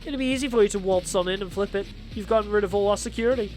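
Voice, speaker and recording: A man's voice: sits high, rapid-fire, a little mellow, soft background music, lightly acted, poor audio. A man voicing a taunting evil father and mastermind in a dramatic story, with a theatrical villain drawl.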